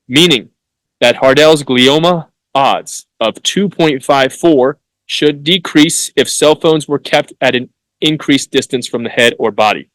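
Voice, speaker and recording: A man hosting a solo podcast, reading passages haltingly with fillers and restarts, then breaking off into blunt, hectoring asides with some swearing. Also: fairly high pitch, no echo, low-quality recording. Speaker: podcast host.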